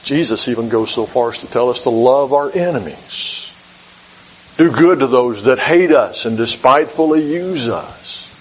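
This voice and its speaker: A man preaching a sermon in a measured, emphatic way, repeating key phrases for weight. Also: medium pitch, lively intonation, husky. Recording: dull lo-fi recording.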